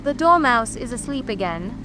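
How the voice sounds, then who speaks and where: Storybook mad hatter: high, swooping, whimsical grumbler, theatrical singsong, music bed. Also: female voice, very animated, normal speed. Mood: contemptuous, whimsical. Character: mad Hatter, grumbling, mournful, whimsical tea-party eccentric. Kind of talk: full-cast dramatic audiobook reading.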